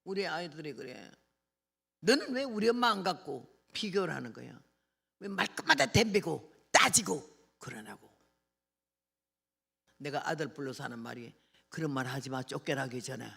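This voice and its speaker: A woman's voice: deep voice, expressive, moderate pace, creaky, pauses often, fairly bright tone, husky. An older woman preaching at a revival meeting, telling folksy anecdotes and acting out dialogue. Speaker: missionary preacher.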